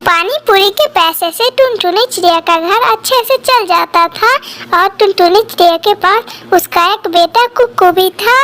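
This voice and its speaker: A woman's voice: very high voice, measured pace, fairly bright tone. A woman narrating a children's cartoon story in a simple storybook manner. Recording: echoey hall with faint noise.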